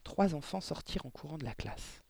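Man, audiobook narrator, gravelly, fairly high voice, measured reading, dry close mic. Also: animated, mellow, no echo. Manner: measured, adds explanatory asides. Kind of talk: reading a children's novel aloud.

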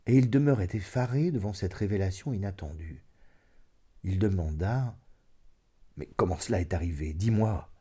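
A man narrating a classic short story in a measured, expressive reading. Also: fairly low pitch, breathy edge. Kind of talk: literary audiobook narration.

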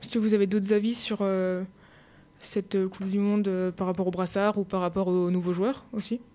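A woman hosting a sports talk show, measured and a little hesitant as she leads the talk. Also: mid-range voice, level tone, mellow, a little hiss or hum. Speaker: show host. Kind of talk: casual radio chat.

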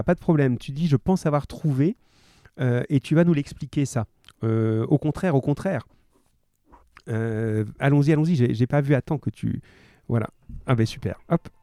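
A man's voice: medium pitch, no echo, studio quality. A male teacher running a live radio class, encouraging students who call in and reading a story aloud. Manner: lively, encouraging, full of fillers.

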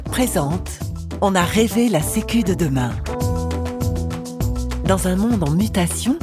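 A woman reading scripted narration as a podcast presenter. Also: lowish voice. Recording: loud music under voice.

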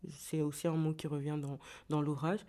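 A woman novelist and former journalist living in Kinshasa answers an interviewer's questions hesitantly, with many restarts and repeated words. Her voice is low-pitched and dark, with a flat delivery at a moderate pace.

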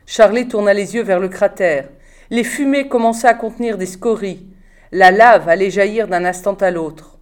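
A woman reading a novel aloud in a calm, measured narration. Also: medium pitch. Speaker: audiobook reader.

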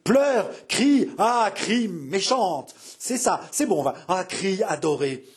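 Jeanne, a husky man voicing a frantic young mother. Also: lively intonation, takes it slowly, heavily acted. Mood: doting, sobbing. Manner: high, breathless, babbling and pleading. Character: frantic grief-stricken young mother, feverish and doting.

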